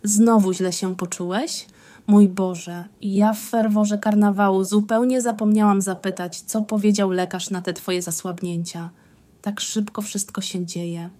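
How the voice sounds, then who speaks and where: A gushing, emphatic countess full of enthusiasm, as a woman reads her in an audiobook. The voice is mellow and darker, and the pitch sits in the middle. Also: fairly even intonation, measured pace, lightly acted. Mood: worried. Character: effusive, doting aristocratic countess and wife.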